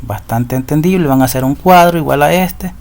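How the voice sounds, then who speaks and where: A man teaches a recorded lesson in a Central American Spanish accent, speaking fairly quickly in a slightly high, gravelly, darkish voice. He repeats the rules patiently and keeps checking in with students, asking ¿verdad?.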